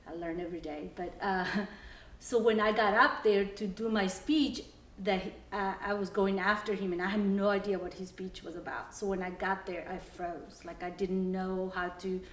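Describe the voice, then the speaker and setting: A woman in her forties from El Salvador, a native Spanish speaker, is interviewed as she walks from room to room in her house. She tells her story casually with many fillers and restarts, in a medium-pitched, steady voice at a moderate pace. The room is echoey with faint ambience.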